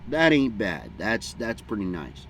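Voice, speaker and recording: A man's voice: on the low side, wildly swooping pitch, unhurried, fairly bright tone. A middle-aged American man chatting casually and unhurriedly outdoors in a folksy, plain-spoken way, with a pipe in his mouth between puffs. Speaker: vlogger. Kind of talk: casual rambling outdoor chat. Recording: clear background noise, outdoor hum.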